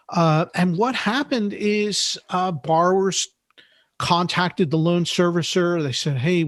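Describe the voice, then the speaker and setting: A man, a podcast guest, explaining investing in a measured interview conversation, often repeating words as he thinks. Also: on the high side, no echo, clean studio sound.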